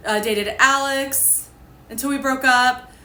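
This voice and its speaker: A woman's voice: sits high, steady tone, slow, sharp tone. A young woman, a ministry host, telling her personal testimony in a chatty, candid way, laughing at her past. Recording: echoey room with faint ambience.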